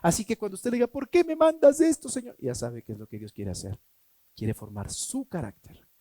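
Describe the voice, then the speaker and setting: A man preaching a sermon as pastor, emphatic, swinging between loud and hushed, asking rhetorical questions. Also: sits high, no room sound. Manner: acts out quoted voices in a mocking tone.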